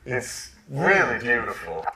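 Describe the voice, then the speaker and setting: An actor playing a friendly young man, speaking slow, clear lesson dialogue. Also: mid-range voice, sing-song, recorded from a distance, crowd noise. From United States. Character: young American man moving into a shared flat. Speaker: new flatmate in a lesson dialogue. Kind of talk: scripted language-lesson dialogue. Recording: echoey room, off-mic.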